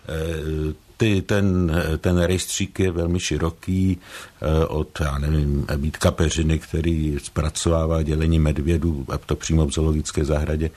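Deep raspy guy, radio guest, wry and hesitant, lots of ehs. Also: darkish tone. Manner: hesitant, wry, self-deprecating. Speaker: theatre guest, playwright and interpreter. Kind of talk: radio studio chat.

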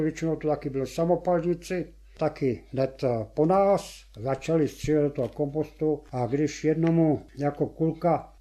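A man in his eighties recalling combat as a war veteran, telling it vividly and acting out the shouts of the men around him. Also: a little high. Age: 80s. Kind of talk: personal war testimony.

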